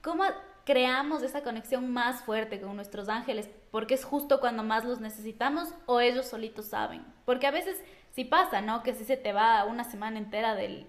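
A woman's voice: a little high, moderate pace. A woman hosting a podcast, asking curious, friendly questions while thinking aloud. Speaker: podcast host. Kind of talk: casual interview questions.

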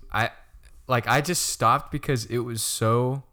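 A man's voice: medium pitch, steady tone, a little slow, bright, forceful tone. A young man co-hosting a casual chat, rambling with lots of stammered restarts and frequent laughter. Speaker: podcast co-host.

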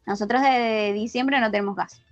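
A woman's voice: a little high, steady tone, moderate pace, no echo. A woman guest talking casually in an interview, explaining everyday things at length. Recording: dull lo-fi audio, faint music.

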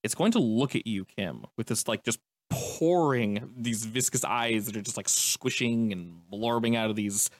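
A man's voice: lowish voice, moderate pace, no echo. A man working as a game master, improvising descriptive narration and explaining the rules in a conversational way.

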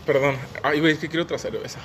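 A man's voice: fairly high pitch, very fast, a bit bright, a little hiss or hum. Giggly Mexican man, teasing banter. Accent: Mexican Spanish. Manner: laughs often, teasing, slangy. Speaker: podcast co-host. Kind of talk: casual podcast banter.

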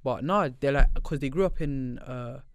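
A man's voice: mid-range voice, normal speed, clear, resonant tone, no room sound, studio quality. A young man, co-hosting a podcast in casual chat, slangy and tagging "innit" onto his lines. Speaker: podcast co-host.

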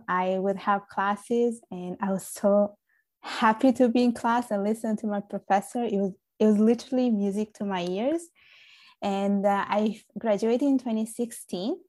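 A woman's voice: mid-range voice, a little mellow. A young woman from Italy, a podcast guest, chatting earnestly with frequent fillers in a casual interview.

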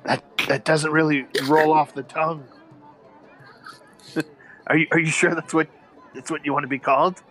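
A man's voice: on the high side, level tone, moderate pace, pauses often, sharp tone, faint music behind, some chatter behind, pitched above the performer's own voice. A man voicing an awkward male fight announcer who hesitates, apologizes, then calls out the fighters with forced showmanship.

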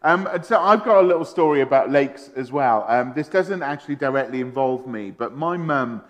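A man's voice: mid-range voice, lively intonation, moderate pace. A man in his thirties hosting, friendly and chatty as he tells a family story. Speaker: host. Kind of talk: casual storytelling in a tribute.

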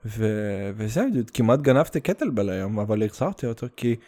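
A man's voice: on the low side, lively intonation, mellow. Guy with a russian accent doing a solo podcast, slangy and sweary, rambles and restarts a lot, drops english words. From Soviet Union. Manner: rambling, stop-start delivery. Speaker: podcast host. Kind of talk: casual solo podcast monologue.

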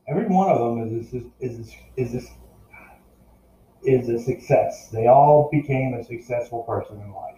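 A man's voice: medium pitch, moderate pace, warm tone. An older man talking casually to his viewers, earnest and encouraging, often repeating and restarting his words. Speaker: vlogger addressing viewers. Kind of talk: casual talk to camera. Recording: roomy, slightly dull recording.

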